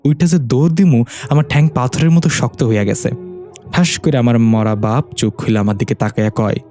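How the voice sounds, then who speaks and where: A man's voice: mid-range voice, fairly quick, warm tone, soft background music, lightly acted. A man voicing a timid young petty thief, humble and frightened as he tells his story. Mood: fearful retelling. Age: 20s.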